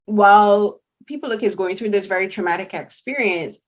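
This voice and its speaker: A woman from Barbados speaks with a Barbadian accent as she hosts a relaxed interview. She tells her stories in an animated, chatty way, sprinkled with casual fillers. Her voice sits at an ordinary middle pitch. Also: normal speed. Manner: animated, chatty storytelling with many "like"s. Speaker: podcast host.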